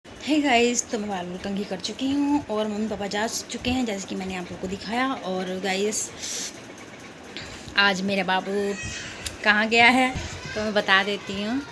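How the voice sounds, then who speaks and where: A woman's voice: medium pitch, a little slow, background noise. A young woman chatting casually in a home vlog, rambling through her day. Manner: chatty, rambling, self-narrating daily errands. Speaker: family vlogger.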